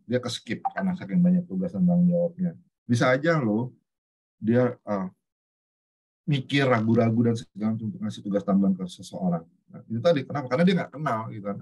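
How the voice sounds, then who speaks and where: Husky middle-aged man, relaxed webinar speaker who acts out stories and mixes in English. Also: on the low side. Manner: lively storyteller, acts out dialogues, mixes in English words. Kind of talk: casual webinar talk.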